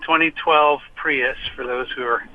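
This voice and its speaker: A man's voice: mid-range voice, fairly even intonation, a little slow, crowd noise. Brief: male musician guest on a muffled phone line from his car, rambling, self-deprecating. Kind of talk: casual phone interview.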